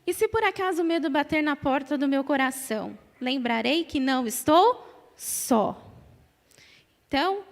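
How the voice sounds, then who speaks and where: A woman's voice: high voice, lively intonation, normal speed. A Brazilian woman in her thirties preaching an emphatic church sermon, repeating phrases and calling on the congregation to answer. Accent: Brazilian Portuguese. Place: church hall. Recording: reverberant church hall.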